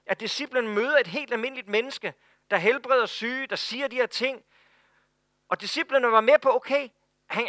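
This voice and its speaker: Man preaching, high voice, animated storytelling, stumbles and repeats words, dry close sound. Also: dry recording. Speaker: pastor. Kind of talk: sermon.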